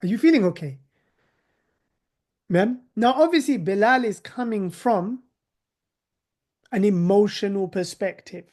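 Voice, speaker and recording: A man's voice: high-pitched, animated, a little slow, long pauses, a little mellow. A man teaching a live class in a conversational way, with sarcastic rhetorical asides. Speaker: teacher of hadith.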